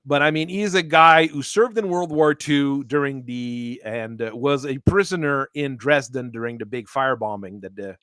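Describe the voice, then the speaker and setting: Male host, mid-pitched, halting rambler, dry close sound. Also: fairly bright tone, clean tone, no room sound. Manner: rambling, halting, laughs often. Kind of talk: casual chat.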